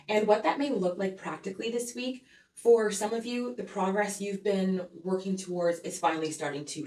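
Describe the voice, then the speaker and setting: A woman hosting a weekly tarot and astrology forecast, talking in an earnest, soothing way and often checking in with a gentle "okay?". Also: lowish voice. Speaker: tarot reader and astrology host. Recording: roomy echo, voice a bit far from mic.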